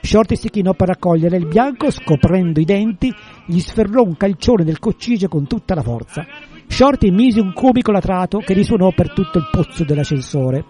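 Guy reading a story out loud, warm mellow tone, lots of pitch movement. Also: lively intonation, normal speed. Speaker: narrator. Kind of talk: literary reading.

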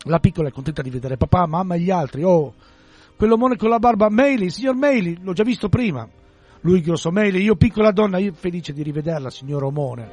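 A man's voice: high-pitched, lively intonation, a little fast, a little mellow, faint music behind. A man voicing the spirit of a cheerful little girl who talks in childlike broken phrases during a reading. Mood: chirpy.

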